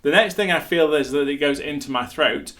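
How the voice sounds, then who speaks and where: A man's voice: a little high, brisk, fairly bright tone. A man teaching a hands-on saxophone lesson, upbeat and encouraging as he talks viewers through each step.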